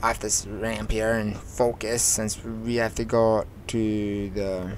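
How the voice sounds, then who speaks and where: A man's voice: lowish voice, little pitch movement, slow pace, slight background noise, low-quality recording. A teenage boy casually telling a long school story while playing a truck driving game, rambling with many fillers and restarts. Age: teens. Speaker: gaming streamer.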